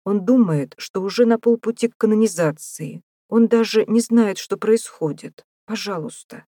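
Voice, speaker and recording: A woman's voice: mid-range voice, moderate pace, warm tone, dry recording, studio quality, pitched above the performer's own voice, natural voice. A woman voicing a desperate, starving male prisoner who pleads and rages in an audiobook. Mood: pleading, indignant. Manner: pleading, wailing, indignant.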